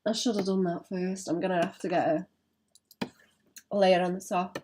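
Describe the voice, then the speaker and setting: A woman's voice: on the low side, steady tone, normal speed, a little mellow, slight background noise. A woman chatting casually on a live stream while she draws, thinking aloud and often stopping to restart her sentences.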